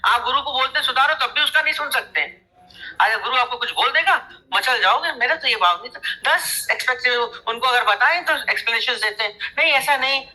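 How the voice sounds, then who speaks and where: A woman's voice: high voice, pushed and bright. A woman giving a devotional discourse as a spiritual teacher, posing rhetorical questions and repeating her teaching points. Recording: tinny phone-like audio.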